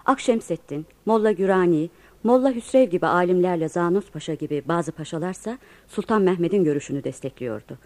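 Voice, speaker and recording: A woman's voice: on the low side, lively intonation, brisk, darkish tone, natural voice. A woman in a radio play as a patient storyteller, narrating history for children. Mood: storytelling.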